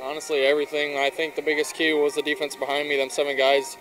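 Young ballplayer answering in a flat voice. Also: male voice, fairly high pitch, fast talker, faint music behind, rough recording. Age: young adult. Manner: laid-back, plain answers. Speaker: baseball pitcher. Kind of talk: postgame interview. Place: outdoors on a baseball field at dusk. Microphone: reporter's handheld mic.

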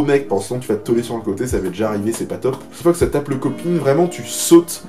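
A young man with a French accent explaining a BMX trick in a loud, chatty casual tutorial from his bedroom. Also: mid-range voice. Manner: loud, chatty, addresses viewer as mate.

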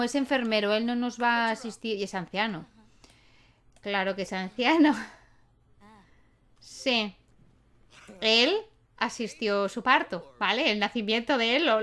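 A woman's voice: fairly high pitch, pushed and bright. A young woman, chatting casually as she plays a life-simulation game and talks to her characters. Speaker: gaming YouTuber. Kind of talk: casual gameplay commentary.

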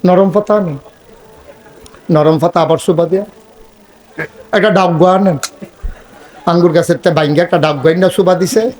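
High-voiced man telling a comic sermon. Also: moderate pace, long pauses. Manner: storytelling with acted dialogue, bursts into high shouting. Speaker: preacher. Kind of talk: humorous village sermon.

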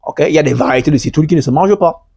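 A man's voice: a little high, rapid-fire, gravelly, a little mellow. Chatty man hosting a farming video. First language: not French. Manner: chatty, addresses viewers as friends. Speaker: agriculture channel host. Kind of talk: explanatory video commentary.

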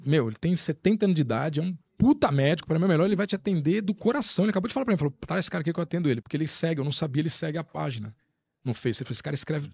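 A man's voice: on the high side, gravelly, no room sound, highs cut off. A man guest on a podcast, chatting casually and telling stories with lots of slang and acted-out quotes. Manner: animated storyteller, slangy, acts out quotes. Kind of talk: casual chat.

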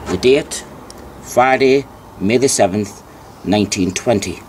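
A video narrator with a fairly low, darkish male voice reads old newspaper articles aloud and offers plain commentary. He speaks deliberately, repeating key phrases, while faint background noise runs underneath.

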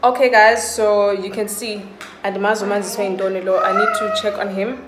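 A woman's voice: mid-range voice, fairly quick, echoey room, soft background music, low-quality recording. A woman in her thirties with a South African accent, chatting casually to camera in her home kitchen as a mother vlogger. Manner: relaxed, chatty, talks to her toddler in between. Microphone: phone camera at arm's length.

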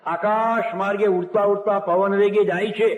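A man's voice: high voice, steady tone, moderate pace, phone-quality sound. A man telling devotional stories as a sermon, narrating old myths, voicing the characters and breaking into sung verses. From Gujarat, India. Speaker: religious storyteller. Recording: echoey hall recording.

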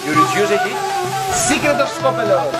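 A Greek man in his forties speaks with a Greek accent, explaining a recipe in short, halting English in a restaurant kitchen. His pitch moves up and down freely, and loud music plays behind him. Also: very animated, a loud crowd. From Greece. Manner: explains patiently in short broken phrases. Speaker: chef and restaurant owner. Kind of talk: casual cooking demonstration. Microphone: handheld camera close by.

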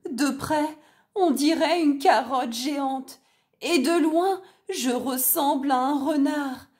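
A grumpy big storybook wolf, as a woman puts him on, crying out in dismay, his voice climbing higher than her narration. He speaks slowly and with emphasis. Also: darkish tone. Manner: exclaiming in dismay.

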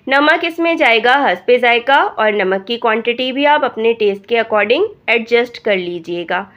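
A woman narrates a home cooking recipe in a calm, step-by-step way. Her somewhat high voice is hoarse from a cold. The voice-over has a dull, lo-fi sound. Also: unhurried. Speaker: cooking channel host.

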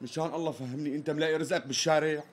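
Man playing an exasperated Syrian customer, high voice, fast, insistent. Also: fairly even intonation, a little hiss or hum, natural voice. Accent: Syrian Arabic. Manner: exasperated, repeatedly pressing. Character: impatient male customer demanding the price.

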